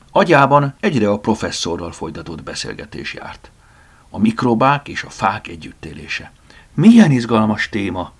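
A man reading a storybook aloud in an expressive narrating voice, at times dropping to whispered asides. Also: low-pitched, creaky, slightly rough. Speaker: audiobook narrator.

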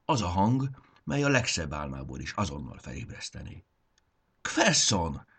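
A man narrating a fantasy audiobook in a dramatic, expressive reading. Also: sits low, breathy edge.

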